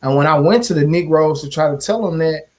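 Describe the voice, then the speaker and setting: St guy, organizer, cussing and animated, kinda higher voice. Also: fast talker. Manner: animated, swearing storyteller. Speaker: community organizer. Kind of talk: casual chat.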